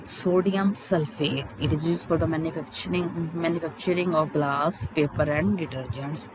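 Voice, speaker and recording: A chemistry teacher explains textbook points in a halting way, repeating key terms as in a school lesson. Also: medium pitch, steady tone, background noise.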